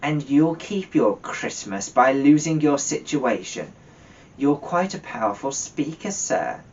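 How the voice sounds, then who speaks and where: A man's voice: mid-range voice, big pitch swings, unhurried. A distant, slightly muffled storybook recording of a grumpy old miser , acted out by a man. He is scornful and stern, growling his indignant lines. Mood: stern, sarcastic. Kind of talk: dramatised storybook reading. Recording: distant, dull lo-fi microphone.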